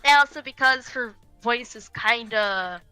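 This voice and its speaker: A young woman, a voice actor, rambling excitably in a casual group chat. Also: on the high side, measured pace, smooth, dry recording, faint music behind.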